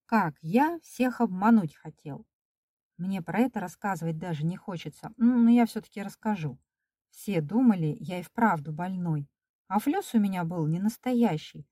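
A woman's voice: lowish voice, expressive, normal speed, mellow, no echo, studio quality, distant mic. Woman reading children's stories aloud. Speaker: storyteller.

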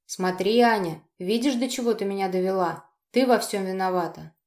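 A woman reading the lines of a furious, jealous young man with a hoarse, growling voice, in a roomy echo. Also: medium pitch, moderate pace, darkish tone, close to an everyday voice. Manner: snarling threats through clenched teeth.

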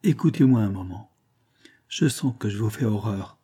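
A man's voice: on the low side, moderate pace, mellow, husky. A man voicing a sick, self-pitying middle-aged glassmaker who moans and pleads in a plaintive, feverish voice. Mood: pleading. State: feverish and in pain.

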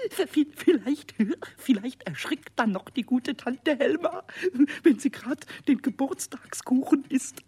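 An actor playing a cheeky tiny male goblin with a high, squeaky voice who giggles and whispers mischievously in a 1970s radio play. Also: darkish tone, husky, full character voice.

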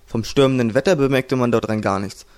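Man calmly reading an audiobook. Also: mid-range voice, brisk, clean tone. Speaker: audiobook narrator. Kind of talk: storybook narration.

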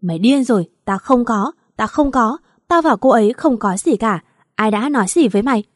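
A woman's voice: on the high side, lively intonation, moderate pace, no echo, clean studio sound. A woman voicing an earnest young man who insistently denies the charges against him and pleads to be believed. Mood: protesting.

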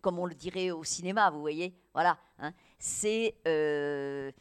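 A woman's voice: low voice, unhurried, smooth. A woman writer as a guest on a radio interview, talking hesitantly with many fillers, then pressing her points with emphasis.

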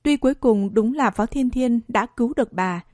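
A woman narrating a dramatic story in a steady storytelling voice. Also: fairly high pitch, moderate pace, no room sound, studio quality.

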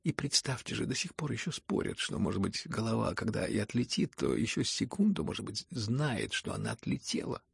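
A young prince, gentle and earnest, spinning a grim picture in low, musing tones that keep slipping into a whisper, as a male audiobook reader plays him. His voice is deep and raspy, with gravel at the bottom. The read is close and completely dry, with no room at all. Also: huge pitch swings, dry recording, exaggerated voice. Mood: hushed, musing. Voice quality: husky, gravelly. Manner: musing, slows down and drops to a whisper.

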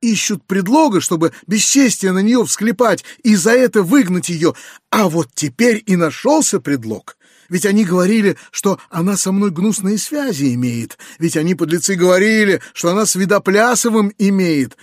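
A man reading an audiobook, voicing an anxious, kindly middle-aged uncle who confides in hushed, lowered tones with hurried outbursts. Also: animated, no room sound, studio quality. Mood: desperate.

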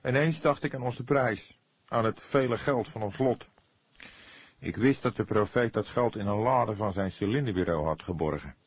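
In an audiobook scene, a man voices an anxious young male suspect who is defensive, shaken, and emotional. His fairly low, slightly rough voice comes through a dry recording as he pleads earnestly, his words sometimes halting.

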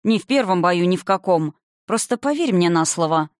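A reader voicing the spirit of an older father, calm and condescending, who lectures with mocking haughtiness in an audiobook. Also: high-pitched, normal speed, no echo, studio quality. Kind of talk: audiobook character reading.

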